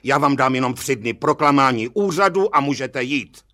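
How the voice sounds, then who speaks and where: Guy putting on a cranky old-school judge, loud and scolding, pitched up a bit, storybook reading. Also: close to an everyday voice. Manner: barking, scolding. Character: irritable shouting male district judge.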